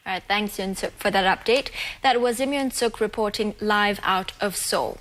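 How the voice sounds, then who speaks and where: A woman's voice: medium pitch, moderate pace, a bit bright, slight background noise. A woman news anchor reading scripted television news.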